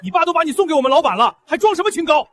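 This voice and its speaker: A crude young thug with a very high, swooping voice, hurling insults quickly. He sneers at those he thinks are weak. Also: expressive, a bit bright, no room sound. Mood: sneering. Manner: sneering, then groveling. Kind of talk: short drama acting.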